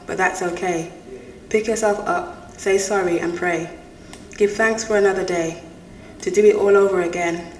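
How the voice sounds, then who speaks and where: A middle-aged woman, a mother of grown sons, reciting her own poem in a steady, even voice. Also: lowish voice. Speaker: interview guest. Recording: echoey room, distant mic, faint noise.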